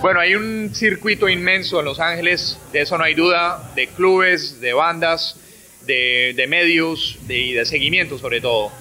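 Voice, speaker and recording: Bright-voiced male music interviewer. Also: fairly high pitch, unhurried. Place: small club room indoors. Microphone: handheld mic. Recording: music playing behind.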